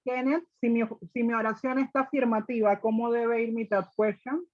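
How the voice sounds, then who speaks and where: A woman's voice: on the high side, steady tone, moderate pace, no room sound, lo-fi sound. A woman teaching an online class, explaining grammar step by step and often checking with her students. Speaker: English teacher.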